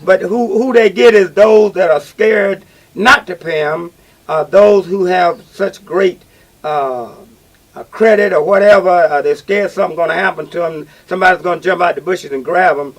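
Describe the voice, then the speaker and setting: A man hosting a talk radio call-in show, speaking in a halting, repetitive and emphatic way. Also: high-pitched, rough recording.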